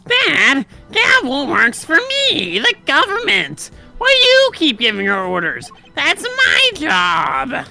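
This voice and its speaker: A woman's voice: high-pitched, huge pitch swings, slow, vocal fry, hardly any pauses, pushed and bright, exaggerated voice. A woman voicing a whiny, boastful, dim young male prosecutor in an improvised comic game dub, blustering and easily flustered. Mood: petulant bluster. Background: game music.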